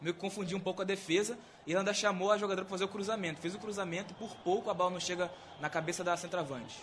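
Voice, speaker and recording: A man's voice: high voice, fairly even intonation, rapid-fire, a bit bright, slight background noise. A Brazilian man giving live analysis as a football match commentator.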